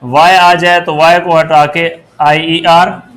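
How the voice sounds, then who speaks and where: Slow, high-voiced grammar teacher. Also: male voice, little pitch movement, a bit bright. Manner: slow and deliberate, asks the class rhetorical questions and spells words out. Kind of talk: grammar lesson.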